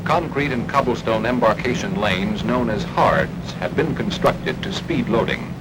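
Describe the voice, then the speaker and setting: An American man with an animated mid-range voice narrates a 1940s wartime propaganda film from a script at a measured pace. In newsreel documentary style, his delivery is formal, declamatory and emphatic, heard over a noisy archival soundtrack.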